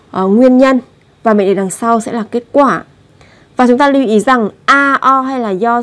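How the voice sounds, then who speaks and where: A woman leads a language lesson in a slightly high voice. She explains grammar step by step and patiently repeats example words slowly. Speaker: Korean language teacher.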